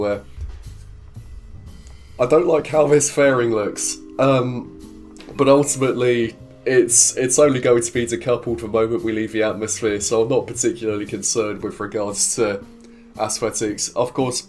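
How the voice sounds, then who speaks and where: A man's lowish, darkish voice carries this casual gameplay commentary. He hosts a video game series while congested from a cold, building and narrating in a cheerful, chatty, rambling manner.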